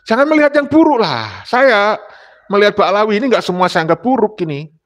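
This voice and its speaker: A man from Indonesia speaks emphatically in a panel discussion, lecturing and repeating his points. His voice is high, very animated, and brisk.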